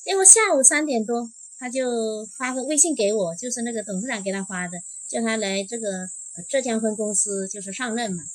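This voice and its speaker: A woman's voice: on the high side, brisk, few pauses, poor audio. A middle-aged woman from Jiangxi, an interview guest telling a personal story and acting out the conversations she recounts. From Jiangxi, China. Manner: lively retelling, acting out quoted dialogue.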